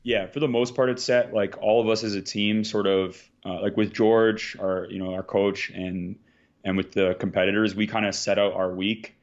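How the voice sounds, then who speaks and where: A man's voice: on the low side, level tone, moderate pace, muffled recording. A man in his thirties, a jiu-jitsu competitor from Canada, talking casually in a podcast interview and rambling with lots of "like"s and restarts. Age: 30s. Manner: rambling, full of filler "like"s and restarts.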